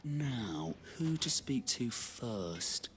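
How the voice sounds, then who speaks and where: A man's voice: medium pitch, very animated, drawn-out words. An actor playing a wry, practical older craftsman in a video game. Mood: thoughtful. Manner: wry, thoughtful. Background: game music.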